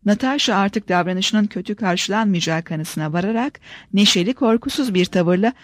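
A woman narrating an audiobook in a steady, measured reading. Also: medium pitch, dry recording. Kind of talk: scripted narration.

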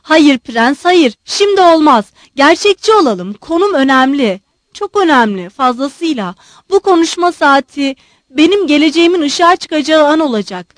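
A woman's voice: high-pitched, big pitch swings, no room sound, clean studio sound. A woman reading the part of an agitated, effusive old male general who pleads and bursts out emotionally. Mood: fervent. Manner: pleading, emotional, rushing outbursts.

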